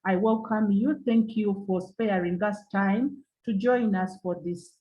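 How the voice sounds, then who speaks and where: A woman from Uganda opens a webinar as moderator on a video call, speaking formally in Ugandan-accented English but haltingly, going back over her points. She has a mid-range voice and a steady tone. The sound is dull.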